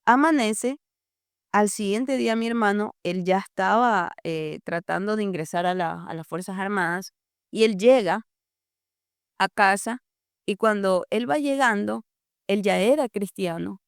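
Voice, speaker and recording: A young Ecuadorian woman tells her testimony on a podcast, bringing the story to life by acting out the voices of her family. Her voice has a gravelly edge. The sound is dry and close on a studio mic. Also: mid-range voice, unhurried, no echo. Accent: Ecuadorian Spanish. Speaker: guest giving a testimony.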